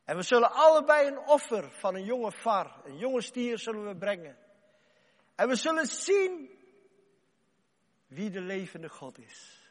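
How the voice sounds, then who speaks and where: Commanding prophet Elijah, put on by a preacher, raised high voice, ringing hall. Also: male voice, expressive, measured pace, slightly rough, full character voice. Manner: commanding, challenging. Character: bold prophet Elijah, commanding grown man.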